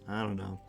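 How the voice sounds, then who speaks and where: Here a young man's masculine voice comes out low-pitched and gravelly as he streams and chats casually. He rambles reflectively, thinking aloud with lots of fillers and restarts.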